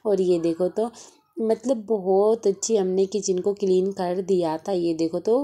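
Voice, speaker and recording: A woman's voice: mid-range voice, steady tone, unhurried, dark tone. A young woman with a Malwi Hindi accent, narrating her day at home in a chatty, rambling vlog style, sounding tired. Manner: chatty, homely, rambling with many fillers. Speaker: vlogger. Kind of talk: casual daily-life vlog narration. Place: home kitchen.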